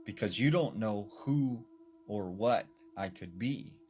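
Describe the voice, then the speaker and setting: The skinwalker speaks low and unhurried, as a storyteller puts him on, a folksy, drawling shape-shifter wearing a father's face. The delivery is slow and leisurely, with a faint hiss of room noise behind it. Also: dark tone. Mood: sly.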